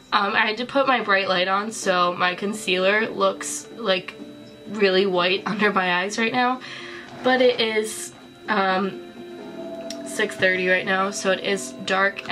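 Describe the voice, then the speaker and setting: Sitting in her small bedroom, a woman in her twenties who has a cold talks casually to the camera as a vlogger, showing off her collection. She speaks at a medium pitch on a rough recording.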